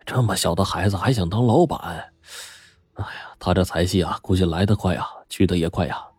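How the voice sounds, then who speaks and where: A timid older worker, put on by a male storyteller, dropped soft and quiet and a touch low. He stammers and confides in a dark, mellow tone. The sound is husky and dry, with faint music in the back. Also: big pitch swings, normal speed, no room sound. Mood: hushed. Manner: hushed, hesitant, stammering.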